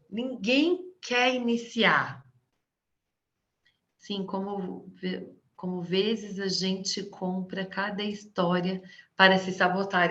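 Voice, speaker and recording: A woman's voice: mid-range voice, pushed and bright. A middle-aged Brazilian woman coaching on sales, talking conversationally and often asking her audience questions. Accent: Brazilian Portuguese. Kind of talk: live coaching talk to an audience. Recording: slightly dull lo-fi audio.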